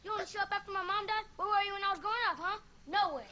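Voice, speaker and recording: A man's voice: very high-pitched, very fast, bright, forceful tone, muffled recording, heavily acted. A boy playing a defiant, resentful child in a naturalistic TV drama. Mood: defiant, hurt.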